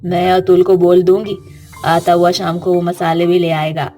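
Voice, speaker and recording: A woman voicing a scheming, domineering mother-in-law in an animated story, with a mellow, scolding delivery. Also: lowish voice, moderate pace, soft background music, close to an everyday voice.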